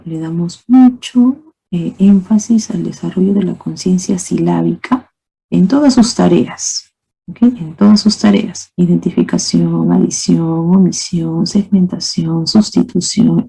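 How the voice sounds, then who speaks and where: A woman gives a methodology lecture for teachers, explaining calmly, posing rhetorical questions and often checking in with "¿ok?" and "¿no?". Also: on the low side, gravelly, slightly rough, low-quality recording. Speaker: teacher trainer.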